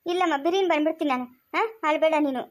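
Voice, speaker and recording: A woman's voice: sits high, racing, close to an everyday voice. A woman playing an elderly village aunt with a rural Chikkaballapur Kannada accent in a village family skit, sighing and murmuring asides to herself. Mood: soothing. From Karnataka. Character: elderly village aunt, gentle and long-suffering.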